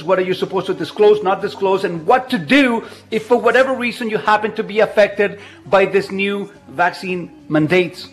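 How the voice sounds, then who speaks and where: A man hosting a live radio call-in show from his home, chatty and jokey, laughing often. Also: high-pitched. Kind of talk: casual live radio talk. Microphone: video call.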